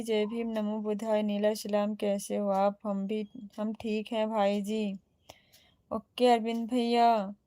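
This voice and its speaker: A live streamer with an Awadhi accent chats casually, reading out viewer comments and answering them one at a time. Her mid-range voice has a dark tone, and there's no echo.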